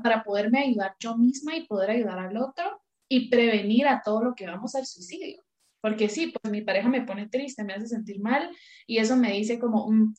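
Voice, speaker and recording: Woman co-host, engaged and affirming, fairly high pitch. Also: darkish tone. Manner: engaged, quick affirmations, asks others' views. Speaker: podcast co-host. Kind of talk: casual podcast chat.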